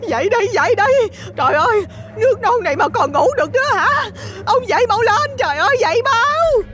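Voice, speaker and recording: A shrill, stammering old wife. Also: male voice, expressive, brisk, pushed and bright, faint music behind, exaggerated voice. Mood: panicked.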